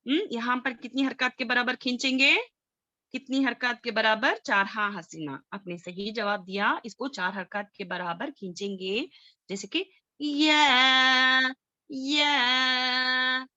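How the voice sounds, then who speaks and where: A woman teaching Quran recitation in an online class, asking students questions and slowly drilling sounds. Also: a little high, pushed and bright, dry recording. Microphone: video call. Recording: dull lo-fi video call audio.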